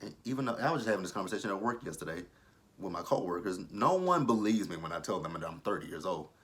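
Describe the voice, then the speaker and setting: This thirty-year-old reviewer talks fast in a low, sing-song, slightly bright voice, casually tearing into a TV episode on his vlog. His commentary is blunt and opinionated, and he swears freely.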